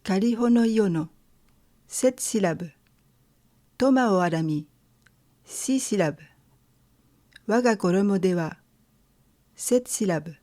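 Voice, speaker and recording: A woman teaching a lesson, explaining calmly and carefully step by step. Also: mid-range voice, slow pace, pauses often. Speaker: language teacher. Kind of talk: slow explanatory lesson narration.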